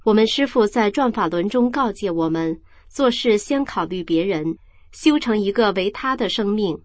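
A woman reading a first-person account aloud in a calm, measured storytelling voice. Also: medium pitch, no echo.

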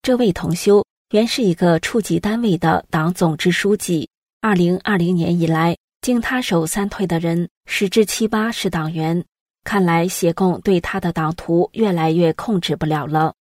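A woman reading scripted news stories aloud in an even storytelling delivery. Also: lowish voice, normal speed, no echo, studio quality. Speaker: news reader.

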